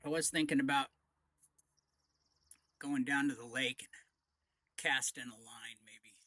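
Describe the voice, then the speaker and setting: A middle-aged man chats casually to viewers from his front deck. His voice sits at a medium pitch, and he rambles in short, leisurely phrases with pauses between them. The sound is dry and open, with no room echo. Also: pushed and bright. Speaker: vlogger.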